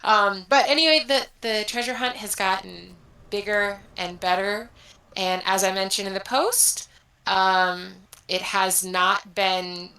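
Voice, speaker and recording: A woman's voice: mid-range voice, bright, forceful tone, roomy sound, low-quality recording. A woman chatting casually in an online group call, upbeat and giggly, running through event announcements. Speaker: community event organizer.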